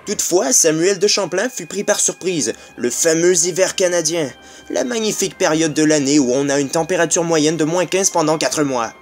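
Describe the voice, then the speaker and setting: A man's voice: a little high, expressive, normal speed, soft background music. A man with a Québécois accent narrating a comic history lesson with wry, sarcastic asides. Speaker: video host.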